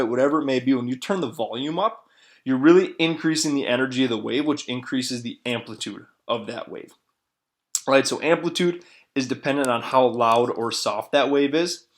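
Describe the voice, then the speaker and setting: A man's voice: mid-range voice, normal speed. A man teaching a classroom lecture in an explanatory way, often repeating words and checking in with a questioning "right?". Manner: repeats words while searching for them.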